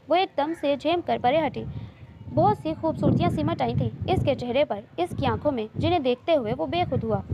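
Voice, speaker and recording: A woman narrating a romance novel aloud in a steady storytelling way. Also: sits high, very noisy.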